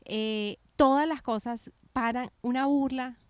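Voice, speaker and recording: A middle-aged woman with a bright, slightly high voice tells her story in a relaxed faith podcast conversation. She talks with energy and keeps restarting and correcting herself mid-sentence. The sound is close and dry, with no room echo. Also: slow pace, clean tone. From Colombia. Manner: animated storytelling with many restarts and self-corrections. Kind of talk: casual faith podcast chat.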